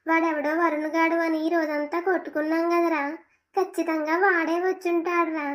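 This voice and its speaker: A cruel mother-in-law hurls scolding insults in a cartoon family drama, voiced by a woman. The voice is very high and thin, and the delivery is flat with little melody. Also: normal speed. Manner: scolding, abusive.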